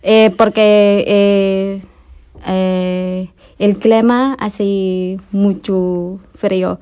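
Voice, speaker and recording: A young woman from the Philippines with a Filipino accent, speaking halting non-native Spanish as a radio guest, searching for simple words. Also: mid-range voice, fairly even intonation, warm tone, clear, resonant tone. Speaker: interview guest. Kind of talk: live radio interview.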